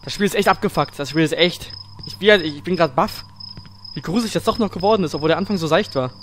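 A man's voice: a little high, fast, slight background noise. A man giving casual, crude and slangy commentary as a scared, jumpy horror game streamer. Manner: crude, slangy, self-deprecating joking. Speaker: let's play streamer.

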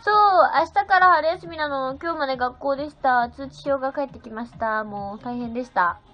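Speaking at normal speed in a voice that sits high, a seventeen-year-old girl hosts a casual phone livestream. She reads viewer comments and bubbly thanks each person in turn. The audio sounds slightly dull, and faint music can be heard.

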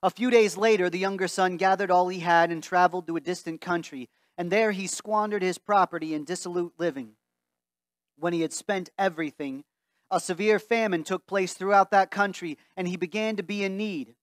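Standing with a Bible in front of a stained-glass wall in the sanctuary, a man in his thirties, a pastor, reads scripture and preaches with earnest conviction. His voice is high, fairly even in intonation and a little fast, and the recording is dry.

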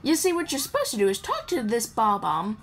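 This gamer's slightly high voice swings hugely in pitch as she speaks fairly quickly. She keeps up playful, meandering commentary and talks to the on-screen characters, with game music behind her.

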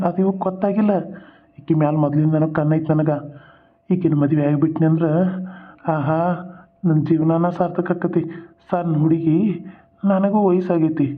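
A sly, scheming middle-aged village man from a cartoon serial, voiced by a man, who mutters his plans under his breath. His voice sits high for a man. The sound is narrow and phone-like. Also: lightly acted. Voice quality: muttering, sly asides to himself.

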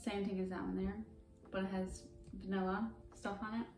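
A woman's voice: medium pitch, little pitch movement, normal speed, noisy background. A young woman hosting a casual vlog, chatting and reacting with squeamish disgust as she tastes candy. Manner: chatty, squeamish, laughs easily. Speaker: vlog host. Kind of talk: casual chat while taste-testing candy. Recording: roomy sound from a distant mic, faint music.

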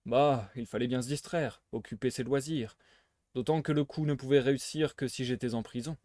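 A man voicing a suave, teasing gentleman thief while reading a novel aloud. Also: mid-range voice, steady tone, normal speed, dry recording, clean studio sound, natural voice. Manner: playful, teasing, smugly theatrical.

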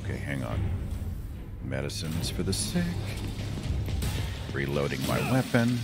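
A man's voice: very deep voice, big pitch swings, measured pace. A man casually commenting while streaming a video game, swearing and musing aloud. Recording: voice over loud game music.

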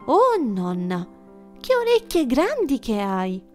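A woman's voice: on the high side, huge pitch swings, slow, heavily acted. A woman voicing a sweet, cheerful little girl in a storybook reading, over faint music. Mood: wondering. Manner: bright, eager, childlike.

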